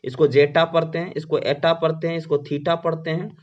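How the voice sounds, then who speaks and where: A man teaching a lesson who slowly asks questions and then answers them himself. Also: on the high side, little pitch movement. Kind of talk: classroom lecture. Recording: dull lo-fi sound.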